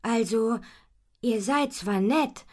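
A woman's voice: fairly high pitch, takes it slowly, darkish tone, pitched above the performer's own voice. A woman doing a shy, doubtful farm girl. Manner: skeptical and hesitant.

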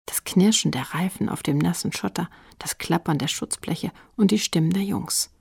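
A woman narrates a children's story with suspense, often sinking into a whisper. Her voice is low, husky and gravelly, and the recording is dry and close. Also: moderate pace, darkish tone, no echo. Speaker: audiobook narrator. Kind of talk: reading a children's book aloud.

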